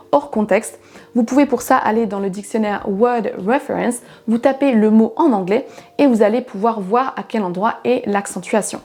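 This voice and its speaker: A woman whose first language is French, giving a clear, explanatory online pronunciation lesson as an English teacher and modelling example words slowly with marked stress. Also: on the high side, warm tone.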